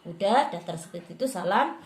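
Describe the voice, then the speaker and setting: A woman's voice: mid-range voice, lively intonation, fairly quick, roomy sound, a little hiss or hum. A woman lecturer in rhetoric, giving a class on preparing sermons and modeling intonation aloud.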